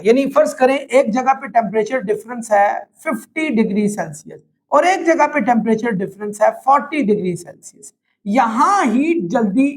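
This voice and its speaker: A man's voice: very high voice, poor audio. A man with a Pakistani Urdu accent teaching a physics class, explaining step by step and speaking straight to his students, slipping into English phrases. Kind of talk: classroom lecture.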